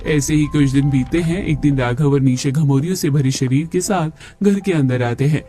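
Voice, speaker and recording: A man with a high, light voice tells a cartoon story at an even pace. He slips into the voices of women and children as he goes. Soft music plays under him. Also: moderate pace. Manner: plays women and children by raising his pitch. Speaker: narrator and voice of all figures.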